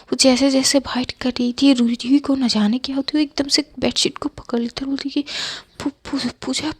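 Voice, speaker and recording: A woman narrating a romance story in a soft, intimate half-whisper. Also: high-pitched, little pitch movement, moderate pace, slightly rough, no echo.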